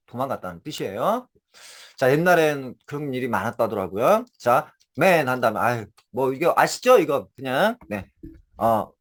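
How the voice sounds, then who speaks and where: A man teaching English phrases in a casual spoken lecture, often checking that listeners follow, with a Korean accent. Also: medium pitch. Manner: animated, repeats checks with listeners.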